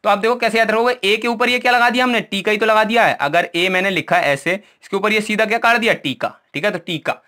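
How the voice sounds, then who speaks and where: High bright-voiced male Hindi teacher. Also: quick pace, hardly any pauses. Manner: repeats "ठीक है" often, asks questions and answers them himself; points at a board, with memory tricks. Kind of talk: exam-prep lesson.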